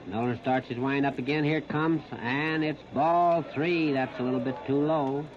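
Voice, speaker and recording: An American announcer calls a 1939 baseball game live on the radio from behind home plate at an outdoor ballpark, narrating each moment in short, clipped phrases with pauses. His voice is medium-pitched and steady, heard through a muffled, noisy 1930s radio disc recording.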